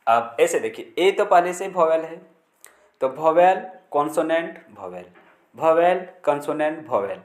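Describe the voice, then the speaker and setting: A man's voice: on the high side, lively intonation, measured pace. A man teaching English pronunciation in Hindi, spelling words out letter by letter and often repeating the rule. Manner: frequent checking fillers. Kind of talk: Hindi-language pronunciation lesson. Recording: echoey room.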